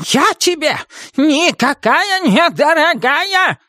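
A woman's voice: sits high, lively intonation, unhurried, a bit bright, no room sound, studio quality, voice pushed up. A woman voicing a furious, scolding old witch in an audiobook, shrieking and drawing out her angry words. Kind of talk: audiobook character voice.

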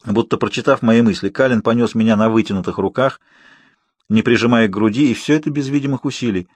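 A man's voice: medium pitch, quick pace, breathy edge, no room sound. Male audiobook narrator, dry close sound.

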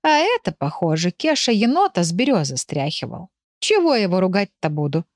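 A woman's voice: lowish voice, big pitch swings, a little fast, no echo, clean studio sound. Woman voicing a fond, easygoing village woman. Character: warm-hearted village woman, goat owner. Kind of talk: audiobook character voice.

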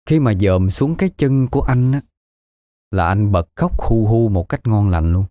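A man's voice: on the low side, moderate pace, warm tone, dry recording. A man telling a ghost story in the first person, in a folksy, colloquial way.

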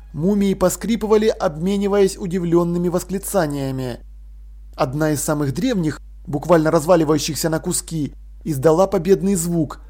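A man narrating an audiobook in a measured, expressive reading voice. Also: on the high side. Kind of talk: scripted literary narration.

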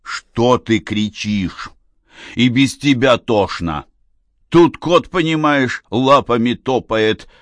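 A man's voice: medium pitch, slow, no echo, lightly acted. A man doing a whiny, hungover drunk. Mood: groaning. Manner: moaning, complaining. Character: hungover male small-time drunk, whiny. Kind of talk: audiobook character voice.

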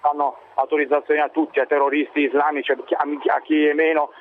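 A man calling a radio phone-in from a shopping centre, speaking casually and haltingly, repeating his phrases. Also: fairly high pitch, little pitch movement. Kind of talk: casual opinionated chat. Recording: noisy, tinny phone line. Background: shopping centre noise.

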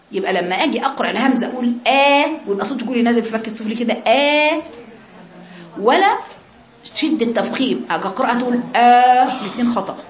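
A woman's voice: mid-range voice, roomy sound. An Egyptian woman teaching a Quran recitation lesson, speaking to her girl students and demonstrating the sounds herself. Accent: Egyptian Arabic.

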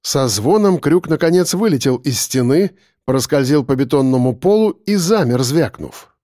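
A man narrating a first-person story as an audiobook, in an expressive, dramatic reading. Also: medium pitch, moderate pace, no echo, clean studio sound.

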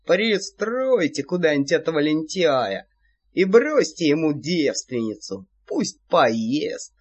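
A woman's voice: low-pitched, big pitch swings, slow, slightly rough, pitched below the performer's own voice, heavily acted. Woman putting on a sly male vampire lord. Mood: teasing. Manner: teasing, sly.

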